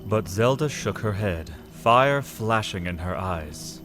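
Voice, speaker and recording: Over faint background music, a man narrates a dramatic fantasy story in a low voice with lively intonation. He's solemn and measured, placing his phrases with deliberate pauses.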